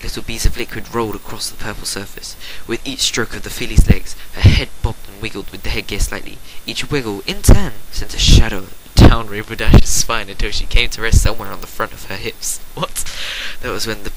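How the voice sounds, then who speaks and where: A man reads a story dramatically without rehearsal, amused and frequently tripping up and fixing his words. He has a fairly low voice with fairly even intonation, speaking a little fast with few pauses. Loud background noise and clicks fill the amateur recording.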